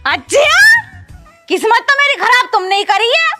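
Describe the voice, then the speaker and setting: A woman's voice: extremely high pitch, lively intonation, moderate pace, loud music behind the voice. A woman playing a feisty, quarrelsome village wife in a comedy skit. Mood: pleading. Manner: loud, quarrelsome, dramatic. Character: feisty young village wife, sharp-tongued.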